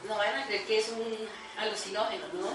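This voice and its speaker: A woman's voice: medium pitch, little pitch movement, fairly quick, background noise. A woman pastor preaching a sermon, praying aloud with fervour and reading scripture to her congregation. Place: large echoey church hall. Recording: very echoey church recording from far off.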